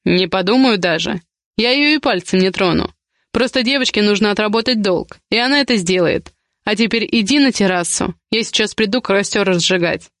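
A woman's voice: mid-range voice, normal speed, fairly bright tone, dry recording, clean studio sound, natural voice. A woman reading a domineering possessive man. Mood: commanding.

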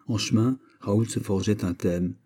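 A man reading a classic novel aloud as an audiobook, in a measured, dramatic way. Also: fairly low pitch, dark tone, slightly rough. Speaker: audiobook reader. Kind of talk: scripted narration of a classic novel.

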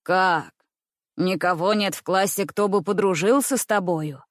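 A woman doing a kindly, lowered uncle voice. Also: a little slow, no echo, studio quality, close to an everyday voice. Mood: gentle. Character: kind, gently teasing middle-aged uncle.

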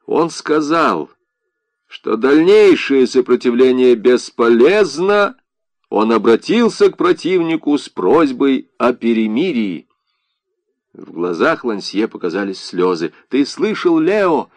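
A man narrating a literary audiobook in an expressive, dramatic way. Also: medium pitch, takes it slowly, dry recording, studio quality. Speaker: audiobook reader.

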